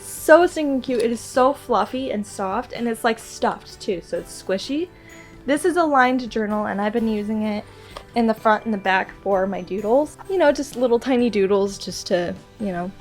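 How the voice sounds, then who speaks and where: A woman with a stuffy, nasal voice from a cold, chatting casually and gushing girlishly in a vlog. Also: mid-range voice. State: congested with a cold. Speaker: vlogger showing gifts to viewers.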